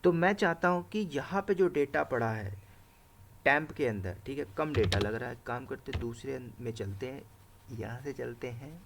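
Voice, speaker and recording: Man, instructor, gravelly voice, mid pitch, step-by-step explaining, keyboard clicks, noisy recording. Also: expressive, moderate pace. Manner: explains step by step, tags lines with "right?" and "okay". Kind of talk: live screen-share coding class.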